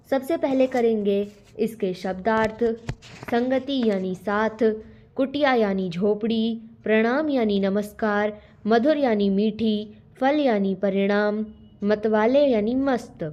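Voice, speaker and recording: A woman teacher reading a school lesson aloud and going through its questions in a clear, patient way. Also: fairly high pitch, a little mellow. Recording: dull lo-fi recording.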